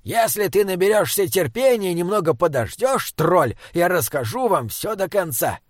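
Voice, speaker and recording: A man's voice: high voice, big pitch swings, normal speed, no echo, studio quality, voice pushed up. A man doing a cranky old jester. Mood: irritable. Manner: grumbling, irritable storyteller. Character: old male court jester, small, cranky.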